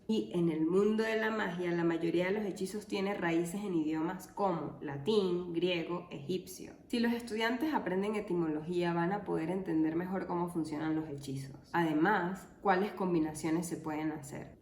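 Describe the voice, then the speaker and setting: A woman explains language topics casually, slipping in dry, deadpan jokes. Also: on the low side, roomy sound. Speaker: linguistics educator. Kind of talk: casual educational video.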